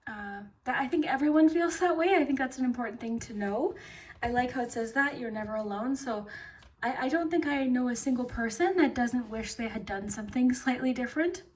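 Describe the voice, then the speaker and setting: A woman's voice: a little high, lively intonation, brisk, recorded from a distance. A woman doing a pick-a-card tarot reading, chatty, full of fillers and restarts, and losing her voice. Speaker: tarot reader.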